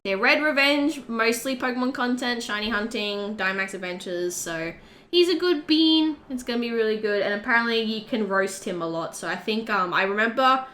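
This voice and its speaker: Chatty woman podcast co-host, bright clear tone, casual banter. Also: fairly high pitch, brisk. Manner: chatty and animated, frequent "like" fillers. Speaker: podcast co-host and community co-leader.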